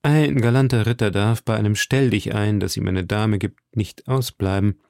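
A man voicing a gallant, poetic young musketeer who speaks in a measured, courtly way. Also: lowish voice, steady tone, vocal fry, darkish tone, dry recording, clean studio sound. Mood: cautious.

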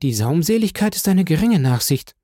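A man's voice: a little high, very animated, moderate pace, mellow, dry recording, clean studio sound, pitched above the performer's own voice. A man voicing a middle-aged noblewoman who coaxes and implores in a sweet, raised voice. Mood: pleading. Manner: imploring, coaxing.

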